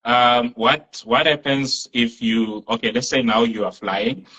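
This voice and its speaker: A man's voice: medium pitch, steady tone, measured pace, pushed and bright, slightly rough, poor audio. A man interviewing a guest with curious questions that he often starts over.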